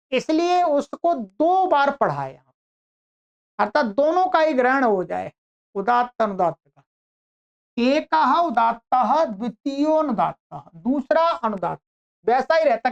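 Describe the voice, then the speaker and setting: A woman teaching an online grammar lesson, explaining slowly and repeating her own questions to the class. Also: high-pitched, vocal fry, lo-fi sound.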